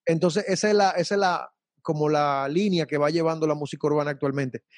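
A man's voice: on the high side, fairly quick, no room sound. A young man, a salsa singer talking casually and animatedly in an interview, full of slang and repeats. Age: young adult.

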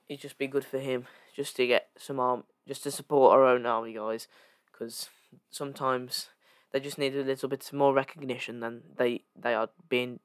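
A man's voice: mid-range voice, fairly bright tone, dry recording, clean studio sound. A young man hosting a casual podcast on his own, rambling along with lots of fillers and restarts as he corrects himself. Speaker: podcast host. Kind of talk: casual solo podcast chat.

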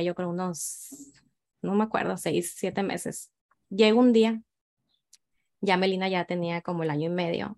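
A woman, telling her own story as a mother in a casual conversation, frank and emotional, with many restarts and repeated words. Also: mid-range voice.

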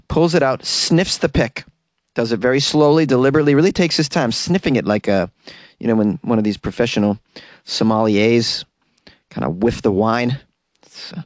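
A man's voice: medium pitch, dry recording. Dry-sounding man telling odd stories. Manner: wry, mock-earnest, rambling asides. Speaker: comedy podcast host. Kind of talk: casual comedic storytelling, reading out odd news.

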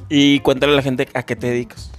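A man's voice: mid-range voice, little pitch movement, fast, faint music behind. A man hosting a podcast in casual chat, rambling with many fillers and restarts. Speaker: podcast host.

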